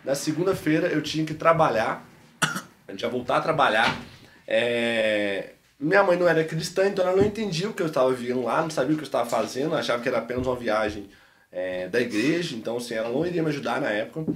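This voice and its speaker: A Brazilian man with a Mineiro accent, a podcast guest telling a personal story in an animated, slangy way. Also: medium pitch, fast, echoey room, a little hiss or hum. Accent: Mineiro Brazilian Portuguese. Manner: animated, slangy, peppers speech with "mano" and "velho". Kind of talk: casual storytelling testimony.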